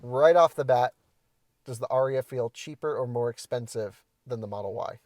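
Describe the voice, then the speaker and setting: A man's voice: mid-range voice, moderate pace, no echo. A man in a casual car review, bluntly criticizing materials and build quality from inside a parked car. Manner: blunt, opinionated, animated critique. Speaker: co-host reviewing cars.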